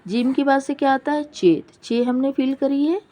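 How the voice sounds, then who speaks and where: A woman's voice: sits high, fairly even intonation, moderate pace, background noise. A woman teacher giving a patient classroom lesson, reading letters out one by one and explaining each step.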